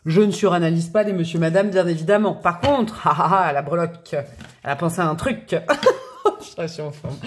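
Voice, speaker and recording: A woman giving a casual, chatty tarot reading to her viewers, expressive and laughing often between her thoughts. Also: fairly low pitch, slight background noise. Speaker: tarot card reader.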